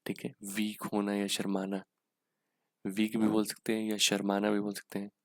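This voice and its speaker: Indian man, English exam tutor, monotone delivery, low pitch. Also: moderate pace, no echo. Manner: explains in Hindi with English terms, frequent "ठीक है". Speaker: English teacher. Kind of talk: exam-prep lesson.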